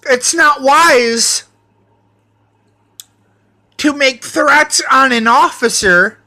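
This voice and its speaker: A man voicing a stern female police officer who repeats loud, insistent warnings. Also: very high-pitched, drawn-out words, pitched above the performer's own voice, full character voice. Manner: repetitive warnings, raised voice.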